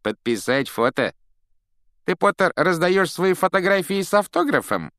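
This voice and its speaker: A man voicing an arrogant schoolboy bully who taunts and mocks loudly, in an audiobook. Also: sits high, sing-song, unhurried, no room sound, studio quality, voice pushed up, heavily acted. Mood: sneering. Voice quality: sneering, taunting. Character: sneering arrogant schoolboy bully, loud and mocking. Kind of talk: audiobook character voice.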